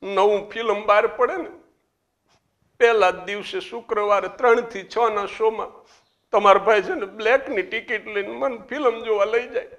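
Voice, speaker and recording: A man's voice: sits high, fairly even intonation, normal speed, a bit bright, lo-fi sound, voice pushed up. A man voicing a young widowed woman who sobs and complains plaintively about her late husband. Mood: wailing complaint.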